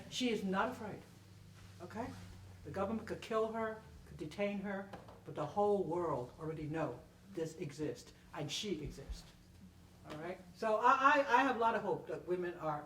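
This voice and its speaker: An emphatic woman with a lowish voice answers an audience as a panel performer, telling stories animatedly, repeating herself and checking in with "okay?". She's recorded from a distance in a library event room, roomy with faint noise.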